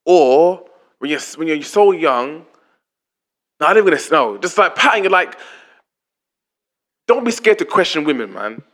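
Halting young man chatting. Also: on the high side, big pitch swings, a bit bright. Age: late 20s. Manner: halting, stammers and repeats words while making points. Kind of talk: casual chat.

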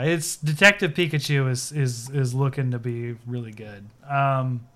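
A man's voice: mid-range voice, a bit bright. A man co-hosting a casual podcast, rambling with lots of fillers and restarts. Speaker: podcast co-host. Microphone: video call setup, sharing his screen.

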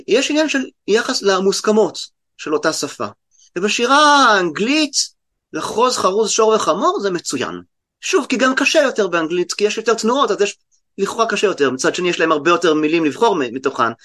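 High-voiced Israeli man explaining haltingly. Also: very animated, bright, forceful tone. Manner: halting, often restarting mid-word. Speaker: guest translator and poet. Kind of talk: conversational explanation in an interview.

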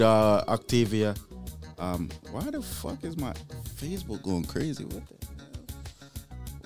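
Jersey podcast host, male, lively up-and-down delivery, loose and profane, faint music behind. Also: fairly low pitch. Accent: New Jersey. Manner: loose, profane, lots of fillers and repeats. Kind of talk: casual podcast interview.

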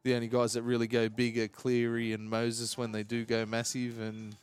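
A man's voice: mid-range voice, monotone, moderate pace, smooth. An Australian man co-hosting a sports podcast, casually talking through analysis. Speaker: fantasy rugby league podcast co-host.

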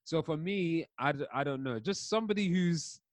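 A man chatting casually as a podcast guest, opinionated and relaxed, with plenty of fillers. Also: fairly high pitch, moderate pace, a loud crowd. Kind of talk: casual chat.

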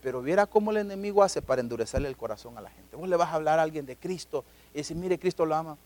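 A middle-aged man, preaching a sermon as pastor, swinging between loud, emphatic declarations and low asides. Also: expressive, quick pace.

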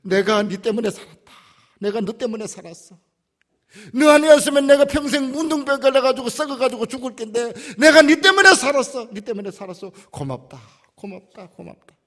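A man voicing a middle-aged male army general who speaks in Gyeongsang dialect and exclaims loudly inside a sermon. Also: a little high, sing-song, normal speed. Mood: overwhelmed thanks. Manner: loud, exclaiming, commanding. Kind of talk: dramatized quotes in a sermon.

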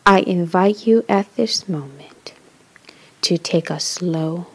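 A woman leading a guided meditation in a soft, whispery spa-like voice, soothing and measured, with pauses between short phrases. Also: lowish voice, husky, poor audio.

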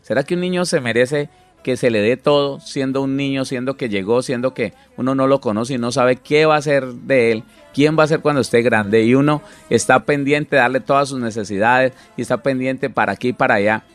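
A man's voice: medium pitch, fairly quick, faint music behind. A middle-aged man, a pastor, earnestly explaining Bible teaching in conversation with many restarts.

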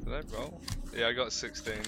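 A young man at an online game table, eagerly firing off playful questions about what his character can do. His voice sits at an everyday male pitch, with steady noise in the background. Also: normal speed. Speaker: player. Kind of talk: casual tabletop play.

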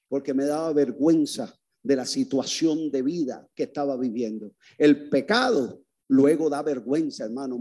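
Male priest, sermon with testimony, slightly high voice, hushed then loud bursts. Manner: swings from hushed to loud outbursts.

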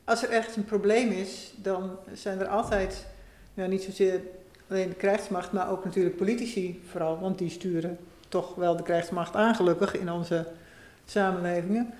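Guest essayist, mid-pitched voice, measured and explanatory, recorded in an echoey room. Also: steady tone, a little mellow. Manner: thoughtful, explanatory, with frequent restarts. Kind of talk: conversational interview. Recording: roomy echo.

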